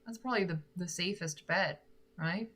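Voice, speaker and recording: A lowish, slightly bright voice at a moderate pace belongs to a young Korean singer-songwriter casually chatting with viewers, responding to live comments while giggling and thinking things through aloud.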